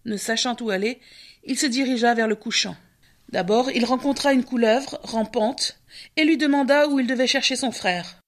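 A woman telling a folk tale in scripted narration. Her voice sits a little high and her delivery is measured and expressive. She paces the story with care.

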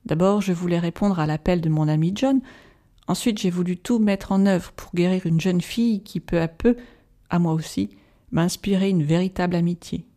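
A grave old professor , read by an audiobook narrator, speaks with solemn, measured patience. His tone is dark and mellow, heavy with duty and sorrow. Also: medium pitch, steady tone, natural voice. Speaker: audiobook reader.

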